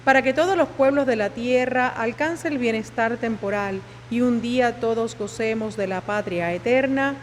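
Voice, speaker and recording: A woman reading the intercessions at Mass in a measured, formal way, each ending on a set refrain, in a big church with long echo. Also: on the high side, a little hiss or hum. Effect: long church reverb. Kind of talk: liturgical prayer reading at Mass. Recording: long echoing reverb in a large church.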